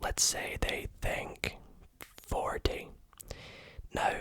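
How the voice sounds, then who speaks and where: A magician giving a whispered ASMR tutorial, gently explaining things step by step. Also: drawn-out words, no echo. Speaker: magician teaching a card trick.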